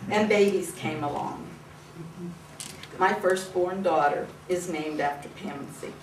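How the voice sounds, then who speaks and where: A woman's voice: on the low side, slow pace. An older woman giving an informal eulogy, telling fond personal stories in a conversational way. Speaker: eulogy speaker at a memorial service. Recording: echoey, distant mic with room noise.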